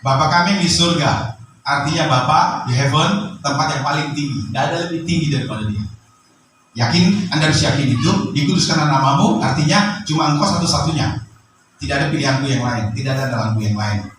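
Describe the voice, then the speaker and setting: A man pastor preaching a sermon, bursting into loud rising phrases and asking the congregation questions. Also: a little high, fairly quick, very echoey, recorded from a distance, soft background music, low-quality recording.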